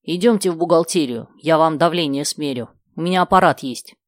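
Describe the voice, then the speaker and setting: A woman voicing a brisk, practical female bookkeeper who speaks with confidence. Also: sits low, dry recording, clean studio sound, lightly acted.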